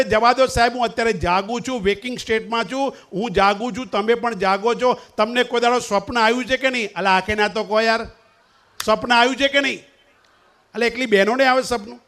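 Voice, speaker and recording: A man's voice: high voice, a bit bright. A man giving a devotional sermon at a temple festival, chanting verses in a sing-song way and teasing the audience with questions. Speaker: swami preacher.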